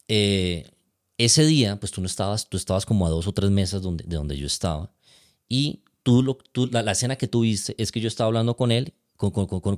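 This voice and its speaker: Low-voiced hesitant father. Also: darkish tone. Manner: hesitant, many restarts, frequent tag "¿sí?". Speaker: father of twins. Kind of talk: calm personal account to partner.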